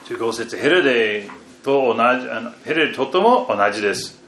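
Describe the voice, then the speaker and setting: A man preaching a sermon and reading scripture, halting and restarting, with phrases that often fade very quietly at the end. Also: medium pitch, expressive. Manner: slow and halting, with repeated fillers and restarts. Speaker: pastor. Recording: echoey room, faint background noise.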